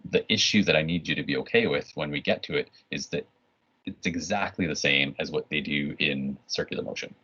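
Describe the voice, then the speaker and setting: A man's voice: rumbling low, fairly quick, bright, forceful tone, husky. A man teaching an online physics lesson in a casual, rambling way, full of restarts and "right?" checks. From Canada. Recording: dull lo-fi recording.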